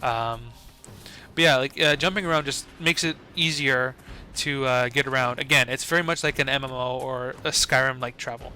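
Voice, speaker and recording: A man's voice: medium pitch, fairly even intonation, moderate pace, sharp tone, soft background music. A young man giving casual, rambling gameplay commentary, full of "um" and "like" fillers.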